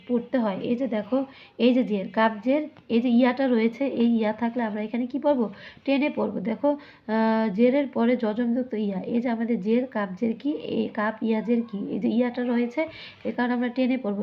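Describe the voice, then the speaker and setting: Woman teacher, muffled lo-fi recording. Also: fairly high pitch. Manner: asks questions and answers them herself, drawing out sounds. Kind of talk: classroom lesson explaining a textbook.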